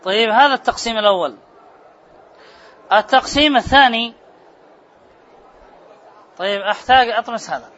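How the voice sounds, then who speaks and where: High, bright-voiced male teacher lecturing. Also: normal speed, long pauses, some chatter behind. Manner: repeats key terms, quizzes students. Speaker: grammar teacher. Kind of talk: classroom lecture. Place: classroom with students. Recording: muffled classroom recording with murmur.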